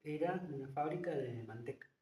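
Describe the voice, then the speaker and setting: A male guest in a casual interview talks briskly in a mellow, mid-range voice, yet hesitantly, with lots of fillers and restarts. The room is echoey and the mic sits at a distance.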